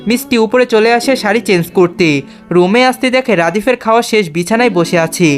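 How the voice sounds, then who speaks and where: A woman narrates a scripted story in a steady, even reading voice. Soft music plays quietly in the background. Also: medium pitch, a little fast.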